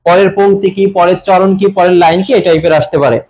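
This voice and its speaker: A man's voice: sits high, fairly even intonation, fast talker, a little mellow. A young man with a Bangladeshi Bengali accent teaching a live online exam-prep class. He quizzes students with repeated questions, answers them himself and reads out commenters' names. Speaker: admission coaching teacher.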